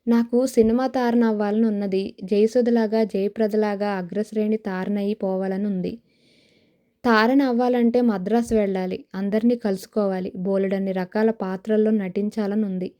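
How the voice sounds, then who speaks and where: Wistful young village girl in a storybook reading, sighing manner, very dark mellow tone, read by a woman. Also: mid-range voice, flat delivery, normal speed, natural voice. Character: young village woman dreaming of film stardom.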